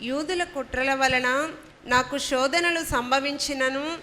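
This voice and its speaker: Bright high woman reading scripture. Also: steady tone, slight background noise. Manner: reads verses aloud slowly and carefully. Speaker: scripture reader.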